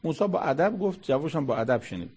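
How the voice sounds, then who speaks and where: A man's voice: fairly high pitch, big pitch swings, darkish tone, husky. A man giving a conversational religious lecture, explaining scripture in everyday speech and quoting Arabic verses. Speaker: Quran commentator.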